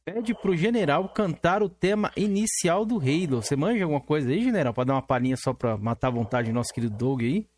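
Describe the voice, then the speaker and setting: A man's voice: on the high side, lively intonation, quick pace, few pauses, a little mellow, no echo. A man hosting a livestream, laid-back and slangy, reading out viewer messages. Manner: laid-back, slangy, calls people "mano". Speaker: livestream host. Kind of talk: casual livestream chat.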